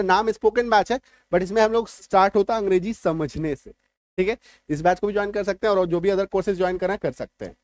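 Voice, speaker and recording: A man's voice: high voice, no room sound. A man giving an online English spelling lesson, explaining step by step, repeating key phrases and often checking that learners follow. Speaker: English teacher.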